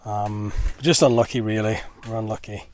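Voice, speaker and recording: A man's voice: lowish voice, fairly even intonation, moderate pace, darkish tone, a little hiss or hum. A man chatting casually and upbeat to camera for his family vlog, outdoors in a rural village and garden. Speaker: family vlogger.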